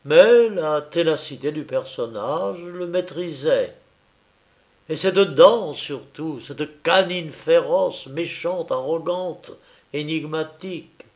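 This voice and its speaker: A man narrating a classic detective novel in a measured, deliberate reading. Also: medium pitch, darkish tone. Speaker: audiobook narrator. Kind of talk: scripted narration.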